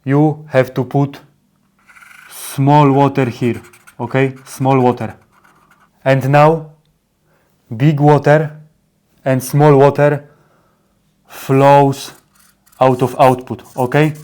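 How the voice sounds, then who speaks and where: A man presents a simple explainer at a slow pace with a mid-pitched voice. He talks like a caveman, in blunt, clipped broken English. Small words drop out, and he often stops to check that the listener follows. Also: level tone, warm tone. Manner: short clipped phrases, often checking with "okay?".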